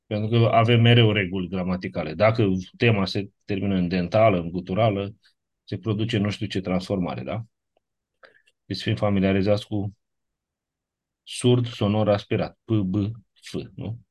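This is a lecture reviewing grammar, led by a man whose lowish voice has a breathy edge. He goes through each rule methodically and checks comprehension with brief tag questions.

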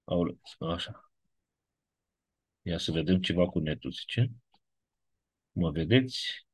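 A biblical Greek teacher gives an online lecture in a low, somewhat mellow and husky voice with lively intonation. He works through the material step by step and keeps checking in with his listeners. The recording is dry.

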